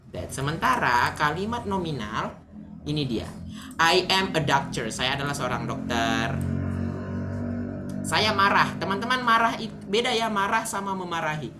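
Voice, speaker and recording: Female language teacher, low register, patient step-by-step explainer running a class over a video call. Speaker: English teacher. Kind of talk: online class lesson.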